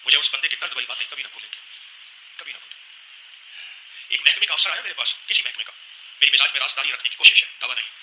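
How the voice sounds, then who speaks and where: A man preaching a sermon, repeating phrases with feeling and slowly chanting prayers. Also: mid-range voice, bright, forceful tone, rough recording. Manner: emotional, repetitive preaching, slow chanted prayers. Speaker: religious speaker. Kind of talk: sermon with recitation.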